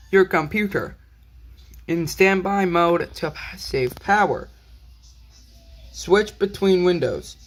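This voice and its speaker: A young man reads a manual aloud for his own video, in a fairly high voice. He stumbles, backs up and fixes his words. He drops casual asides between the passages. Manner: stumbling, self-correcting reading.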